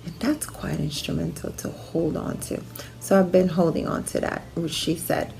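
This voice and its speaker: A middle-aged woman from Haiti tells her life story, relaxed and loose, with fillers and restarts. Her voice sits low and warm, with a gravelly edge. A faint hiss of noise runs under the recording. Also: moderate pace. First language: Haitian Creole or French. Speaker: producer and actress telling her life story. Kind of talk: personal bio monologue.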